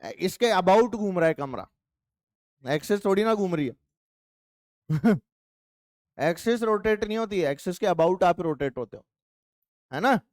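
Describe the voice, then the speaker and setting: High-pitched, playful male teacher. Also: lively intonation, measured pace, pauses often, a little mellow, no echo, clean studio sound. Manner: playful, chatty, teasing students. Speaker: physics teacher. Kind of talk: classroom lecture. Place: classroom.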